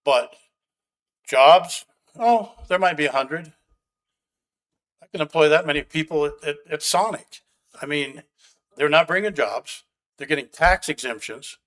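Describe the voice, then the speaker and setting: A man's voice: on the high side, expressive, normal speed, pauses often, fairly bright tone. A man speaking at a county meeting as a resident giving public comment, blunt and sarcastic, angry about the project. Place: county commission meeting room.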